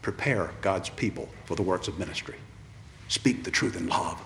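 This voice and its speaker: A man's voice: low voice, moderate pace, vocal fry, a bit bright, a little hiss or hum. A man preaching an earnest ordination sermon, repeating his refrains. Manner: earnest, repeats refrains, acts out quoted voices. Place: church. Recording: long reverb of a large church.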